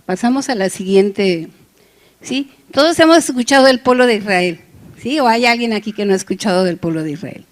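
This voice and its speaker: A woman preaching to a congregation. She talks conversationally, jokes between scripture points and keeps checking in with "right?" and "yes?". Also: on the high side. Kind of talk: sermon.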